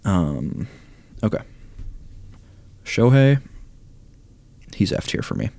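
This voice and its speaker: A young man commenting casually on a baseball video game, reading stats aloud and thinking out loud, hoarse as he loses his voice. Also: fairly low pitch, sing-song, slow pace. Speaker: gaming YouTuber ranking cards.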